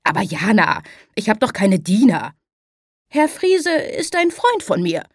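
A woman's voice: medium pitch, big pitch swings, unhurried, breathy edge, no room sound, clean studio sound, voice pushed up, heavily acted. A woman voicing an affectionate, mildly chiding grandmother. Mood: fond. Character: warm, fussing grandmother, older.

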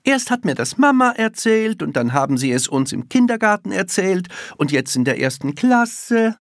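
A storybook reader voicing a stubborn, earnest little girl in first grade, high and lively. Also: normal speed, no room sound, studio quality. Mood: insistent. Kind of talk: storybook reading.

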